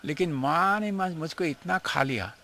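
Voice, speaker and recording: An older man tells stories about his guru in an interview, earnest and emotional. His voice sits a little high and sounds bright and forceful. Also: normal speed, creaky, a little hiss or hum. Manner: emotional, earnest storytelling, mixing in English phrases. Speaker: swami recalling his guru. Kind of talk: reminiscing interview.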